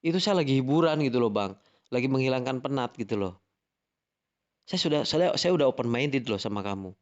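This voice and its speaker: Speaking briskly and expressively, a man with an Indonesian accent lectures in an angry argument on a live-stream voice chat, repeating himself with "gitu loh." His voice is mid-range and a little mellow, and the recording is muffled.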